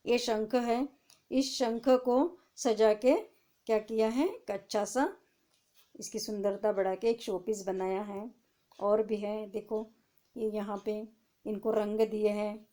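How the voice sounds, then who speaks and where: In an online lesson, a woman slowly reads sentences out and explains each one, frequently asking herself questions and then answering. She speaks at a medium pitch in a warm, level tone.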